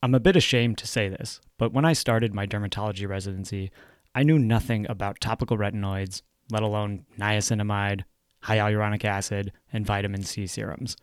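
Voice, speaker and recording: Male doctor reading his own book aloud, lowish voice, wry and measured, dry close sound. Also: fairly even intonation, clean tone, no echo.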